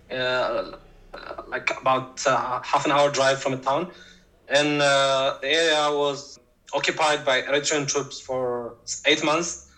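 A man's voice: medium pitch, bright, forceful tone, poor audio. A man from Tigray, answering interview questions as a guest, hesitant and full of fillers and restarts. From Tigray, Ethiopia. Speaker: guest activist.

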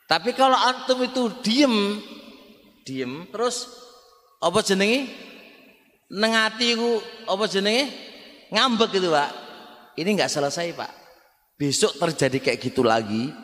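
Lively East Javanese religious teacher. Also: male voice, high-pitched. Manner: conversational, repeats words, keeps addressing listeners as "Pak". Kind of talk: Islamic study lecture. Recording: reverberant hall.

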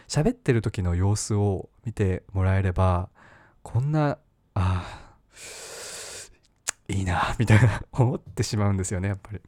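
Man podcast host, rambling, self-mocking, mellow low voice, dry close sound. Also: no echo. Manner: rambling, self-mocking, frequent laughs and fillers. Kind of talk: casual solo podcast talk.

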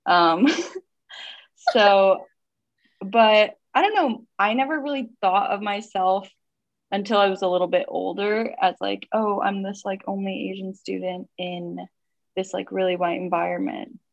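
A woman's voice: medium pitch, measured pace, gravelly, dry recording, dull audio. A young woman from Missouri, a guest in a casual interview, reflecting on her life with many "um"s and "like"s. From Missouri, United States. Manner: relaxed, reflective, lots of fillers like "um" and "like".

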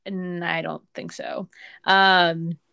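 A young woman co-hosting a podcast, chatting casually and rambling with many pauses and fillers. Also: lowish voice, level tone, gravelly, bright, forceful tone, smooth, no room sound, studio quality. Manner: rambling, lots of ums and likes. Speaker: podcast co-host. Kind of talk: casual chat.

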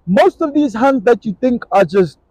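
Young dude, high and bouncy voice, teasing slangy banter. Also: male voice, animated, moderate pace, a little mellow, no room sound, low-quality recording. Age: 20s. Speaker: podcast co-host. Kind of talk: casual chat.

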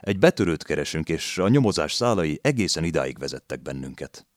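A man voicing a gruff, brusque police detective in a read-aloud novel, rough and barking. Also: a bass voice, sing-song, no echo, studio quality.

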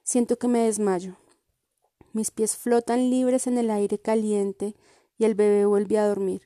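A woman reading a first-person literary story in a calm, measured way. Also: mid-range voice, no echo, clean studio sound. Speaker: reader.

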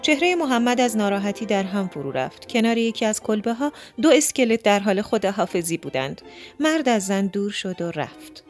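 A woman narrating a children's storybook in an expressive, lively reading. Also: mid-range voice, faint music behind.

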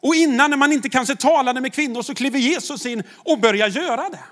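A man's voice: very high voice, fairly bright tone. A man, a pastor, preaching a sermon in a conversational way, with rhetorical questions to the congregation.

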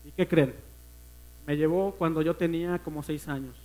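A man with a Mexican accent preaching a personal testimony at a church service, earnest and emotional, often dropping to a hush. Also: a little high, normal speed, rough recording. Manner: earnest, emotional storytelling that often sinks to a hushed voice.

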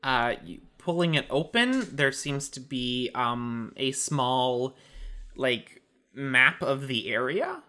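A man's voice: mid-range voice, expressive, slow pace, bright, forceful tone. A man running a tabletop game as game master, talking casually with lots of fillers. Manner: casual, filler-heavy, laughing often.

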